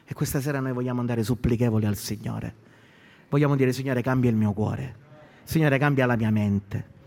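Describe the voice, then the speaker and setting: A man's voice: medium pitch, fairly quick, a little mellow. Male pastor, sermon, emphatic rhetorical questions, long hall reverb.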